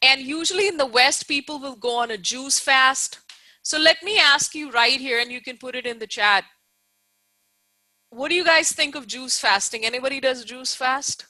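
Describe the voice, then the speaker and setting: A woman's voice: sits high, normal speed, sharp tone, dry recording, poor audio. A woman teacher giving an informal live online lecture, explaining emphatically, repeating key points and often checking that listeners follow.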